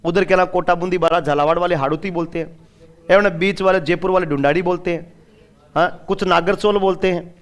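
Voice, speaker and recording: A man's voice: high-pitched, steady tone, brisk. A man teaching an exam-prep class in a chatty way. He asks his students questions and then answers them himself, and he drops in phrases of local dialect. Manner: slips into regional dialect phrases. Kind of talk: classroom lecture.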